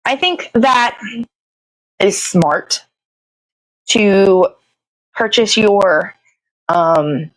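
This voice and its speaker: Hosting a casual livestream, a woman with a voice on the low side rambles along, frequently stuck for words and swearing lightly. The low-quality recording has no echo.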